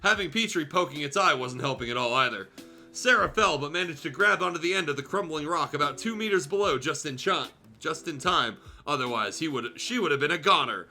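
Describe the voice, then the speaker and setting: Reading fan fiction on stream with music behind him, a man narrates dramatically in a casual manner, correcting himself slightly and adding asides. His expressive voice is a little high and a little fast, with vocal fry and a sharp tone.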